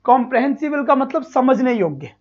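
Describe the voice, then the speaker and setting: A man's voice: very high-pitched, very animated, fairly quick, dull audio. A male teacher giving an online exam-prep class, asking his own questions, answering them and repeating each point, and praising the students as his children.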